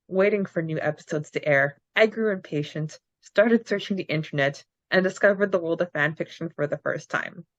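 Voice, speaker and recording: Reading out questions and answers, this low-voiced woman chats on a laid-back fan podcast she co-hosts. She talks in quick bursts and laughs a lot, all captured in dry, dull lo-fi sound.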